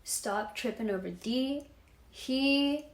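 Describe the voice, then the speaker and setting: A woman's voice: sits high, slow pace, roomy sound, a little hiss or hum. Slangy young woman telling a story. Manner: slangy, fills talk with "like". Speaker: vlogger telling a personal story. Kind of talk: casual storytelling.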